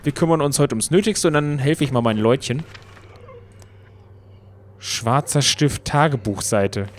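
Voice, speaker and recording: Male Let's Play commentator, playful and chatty, mid-pitched voice. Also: a little slow, slight background noise. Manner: playful, excitable, talks to the game. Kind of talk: casual gameplay commentary.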